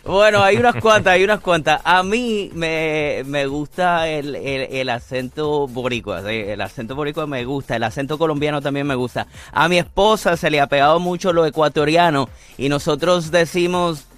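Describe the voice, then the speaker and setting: A man's voice: fairly high pitch, normal speed, few pauses, a bit bright. A man from Ecuador with an Ecuadorian accent, a radio DJ chatting easily on air. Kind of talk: casual radio chat.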